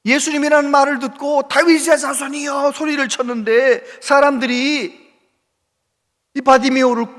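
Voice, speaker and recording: A man preaching a sermon as a pastor, impassioned and swinging between loud exhortation and hushed speech, often asking the congregation questions. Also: extremely high pitch, flat delivery, moderate pace, in a large hall. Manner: asks the congregation questions and calls for replies. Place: church sanctuary with long reverb.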